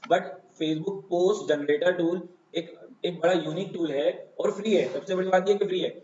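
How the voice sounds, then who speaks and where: A man's voice: high voice, steady tone, moderate pace, darkish tone. A man giving a casual screen-share tutorial on social media marketing, talking conversationally and often checking in with his listeners. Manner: conversational, keeps saying "theek hai". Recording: roomy, dull lo-fi home recording.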